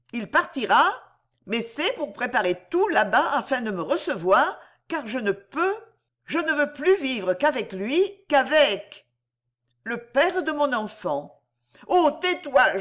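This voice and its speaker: A woman's voice: high-pitched, sing-song, a little slow, fairly bright tone, heavily acted. A woman voicing a young woman in a storybook who is secretly pregnant and set on her choice, with an intense, pleading manner.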